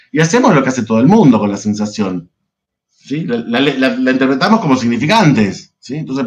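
A man's voice: medium pitch, dull audio. A man with an Argentine Spanish accent giving an online psychoanalysis lecture, discursive and constantly checking in with his listeners. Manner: discursive, peppered with checking questions. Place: home, online class.

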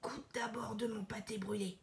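A woman voicing a grumpy old iron stove in a storybook, low and breathy. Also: steady tone, normal speed. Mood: grumbling. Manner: low, sighing, breathy whisper.

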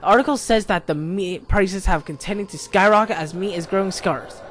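A man's voice: high-pitched, a little fast, fairly bright tone, a little hiss or hum. A young man commenting on a horror game as he plays, reading its text aloud and yelping and cursing when startled. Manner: jumpy, yelps and curses when startled. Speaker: gameplay commentator.

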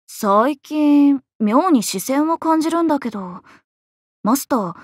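High, animated young swordswoman, Miyamoto Musashi. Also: no echo, clean studio sound, heavily acted. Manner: playful, expressive, swinging between teasing and flustered. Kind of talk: Japanese anime-style mobile game character acting.

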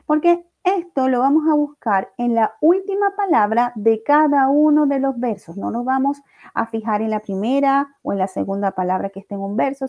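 High-voiced woman teaching a lesson. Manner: explains step by step, checking in with "¿ok?" and "¿ya?". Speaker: language teacher. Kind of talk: recorded class lesson. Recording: dull lo-fi recording.

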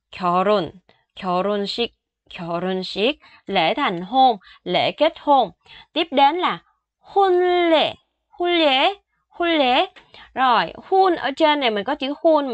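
A woman's voice: a little high, dry recording, highs cut off. A woman teaching a vocabulary lesson, patiently explaining each word and repeating it several times. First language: Vietnamese. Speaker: Korean language teacher.

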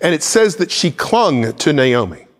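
With big pitch swings and a measured pace, this pastor's voice sits on the high side and trails a long reverb. In his forties, he preaches a sermon to camera from a church stage with plants and a cross, gesturing with a Bible.

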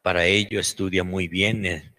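A man's voice: deep voice, flat delivery, moderate pace, pushed and bright. A man with a Mexican accent giving a folksy storytelling lecture on religion, fond of diminutives. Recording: long hall reverb.

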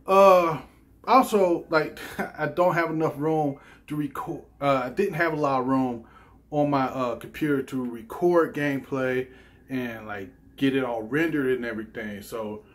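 A man hosting a gaming channel, giving a casual, rambling update full of fillers and tag questions. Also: a little high. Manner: rambling, filler-heavy, often adds "right?". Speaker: YouTube gaming channel host.

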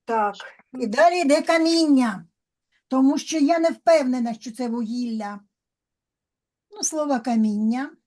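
A woman teacher, explaining a language lesson to children slowly and patiently, step by step. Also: high-pitched, mellow.

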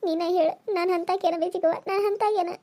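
A woman's voice: very high-pitched, fairly even intonation, quick pace, warm tone. A woman voicing a wronged young village wife in a cartoon serial, with a North Karnataka Kannada accent, pleading and tearful.

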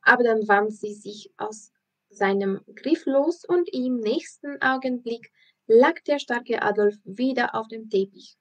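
A woman, a language teacher, narrating a children's audiobook in a careful, expressive reading. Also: fairly high pitch, measured pace.

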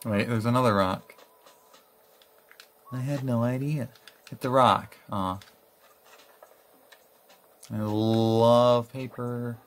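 A man's voice: medium pitch, a little slow, pauses often, fairly bright tone, slight background noise. A man hosting a let's play, commenting casually and muttering reactions to the game.

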